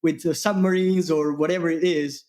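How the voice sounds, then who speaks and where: A man from Serbia, a guest engineer talking shop in a halting way, with many fillers. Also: a little high, fairly even intonation, a little mellow. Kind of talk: casual tech interview.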